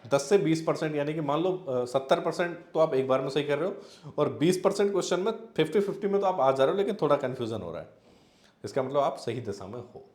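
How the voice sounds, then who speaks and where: A man coaching students for an exam, explaining step by step in a loose conversational way with many examples and fillers. His voice sits a little higher than most men's. The room gives his voice a noticeable echo. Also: expressive, fast, a little mellow. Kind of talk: explanatory exam-prep talk.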